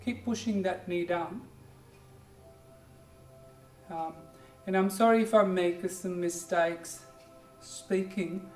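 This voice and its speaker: This Indian yoga instructor in their forties, a Hindi or Punjabi speaker using English as a second language with an Indian accent, speaks slowly in a mid-range voice and pauses often. The guidance is gentle and encouraging, repeating simple cues, saying "good" frequently, and adding a pep talk. The room is echoey, the mic distant, and faint music runs underneath.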